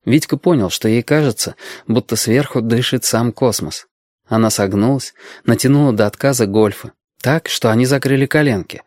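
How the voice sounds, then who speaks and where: A man reading an audiobook aloud in a calm, measured storytelling manner. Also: mid-range voice, no echo, studio quality. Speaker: audiobook narrator.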